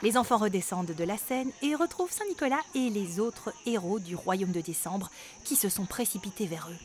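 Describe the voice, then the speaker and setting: A woman narrating a children's story in a lively, expressive way. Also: mid-range voice, fairly quick.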